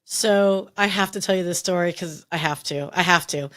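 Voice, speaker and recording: A woman's voice: on the low side, moderate pace, a bit bright. A middle-aged woman co-hosting a podcast, telling stories in a chatty way with frequent restarts. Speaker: podcast co-host. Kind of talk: casual chat.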